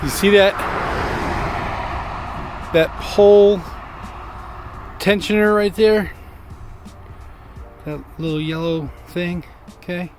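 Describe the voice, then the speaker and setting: A man slowly points out landmarks and distances in a plain, explanatory way. His voice is a little high for a man, and music plays clearly underneath. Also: steady tone.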